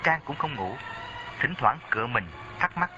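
A man's voice: medium pitch, lively intonation, normal speed, dull audio. A man narrating a memoir in a reflective reading style.

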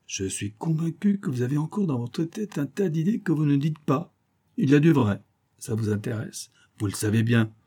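A man's voice: fairly high pitch, lively intonation, normal speed, dark tone, husky, pitched above the performer's own voice. A man reading the part of a shrewd, playful detective in an audiobook. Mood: sly. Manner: sly, teasing.

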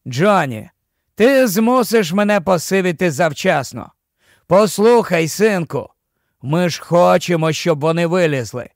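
A composed army captain gives orders to a junior officer in a steady, patient tone that turns gently scolding, voiced by a man reading an audiobook. The voice sits fairly high for a man. The recording is dry, with no room echo. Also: measured pace. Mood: steady command. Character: calm commanding male army captain, fatherly.

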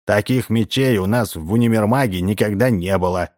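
A man's voice: fairly low pitch, a little fast, darkish tone, dry recording, studio quality, close to an everyday voice. A man voicing a sly, pushy middle-aged building manager in a read-aloud story. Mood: scheming. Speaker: building contractor.

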